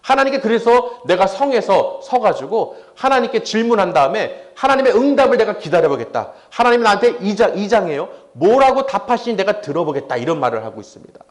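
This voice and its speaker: A man's voice: a little fast, hardly any pauses. A male pastor preaching a sermon, acting out a prophet's complaints to God and calling out to the congregation for responses. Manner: animated, acts out prophet's complaints to God with rising pitch.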